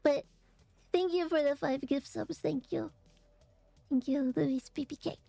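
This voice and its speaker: A woman streamer chatting casually and haltingly, her voice phlegmy and rattly in the chest, congested from allergies. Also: sits high, steady tone, gravelly, warm tone, no echo, soft background music. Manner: halting, hesitant, trailing phrases. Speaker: vtuber streamer. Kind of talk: casual livestream chat.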